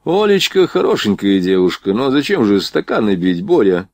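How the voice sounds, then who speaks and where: A sly young officer, read by a man, needling his friend with mocking good humor. The voice is lively in pitch and dry. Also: normal speed, no echo. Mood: teasing. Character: teasing young male officer.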